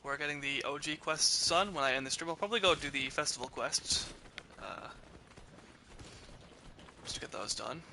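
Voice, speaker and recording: A man's voice: a little high, normal speed, creaky, pauses often, bright, forceful tone, slight background noise. A young man casually chatting while streaming a game, rambling and tripping over his words.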